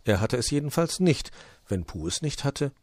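Brief: male storybook narrator, mid pitch, animated, dry booth sound. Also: normal speed, no echo. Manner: expressive, storytelling cadence. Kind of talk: children's story reading.

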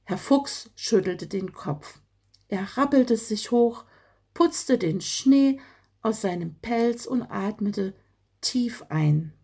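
A woman calmly reading a children's story aloud. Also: medium pitch, slow pace, husky. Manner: calm, gentle reading.

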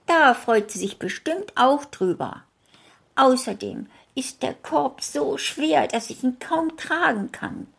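Lady doing a sweet little girl voice, high and eager, storybook kid. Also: expressive, slow pace, vocal fry, breathy edge, full character voice.

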